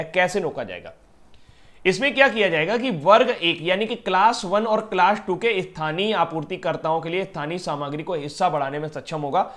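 A man's voice: high voice, a bit bright. Chatty man teaching current affairs. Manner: chatty, teasing, addresses students as yaar and beta. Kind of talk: casual Hindi lecture to students.

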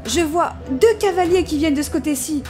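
Woman doing Sister Anne, calm young woman. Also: high-pitched, brisk, over music, voice pushed up, lightly acted. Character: young woman sister keeping watch from a tower. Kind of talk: storybook reading.

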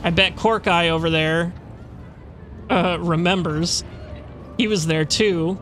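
A man's voice: high-pitched, fairly even intonation, slow, a bit bright, soft background music. A man voicing a nostalgic, cold-blooded old crew mate from a game, telling stories in a rambling way. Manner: rambling storyteller.

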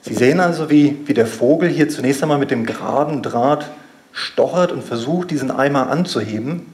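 A man's voice: mid-range voice, a little fast, a little mellow. A man in his thirties giving a public science lecture, explaining step by step with emphatic repetition. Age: 30s. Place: lecture hall with seated audience.

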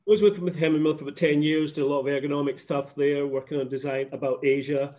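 A man's voice: on the high side, level tone, fast talker, warm tone. A middle-aged man from Scotland, chatting as a guest over a video call from his home office, rambling with restarts. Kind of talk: casual video call interview. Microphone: laptop webcam video call. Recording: muffled video call audio.

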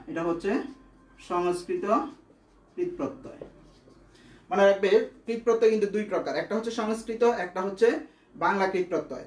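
A man's voice: high voice, roomy sound. A man teaching grammar, explaining step by step and answering his own questions. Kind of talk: classroom lesson.

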